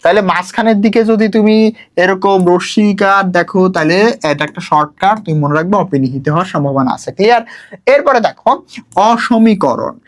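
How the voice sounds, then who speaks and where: A man's voice: high-pitched, animated, brisk. A young man, teaching a recorded grammar lesson for admission exams, who asks questions and answers them himself. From Bangladesh. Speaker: admission exam tutor.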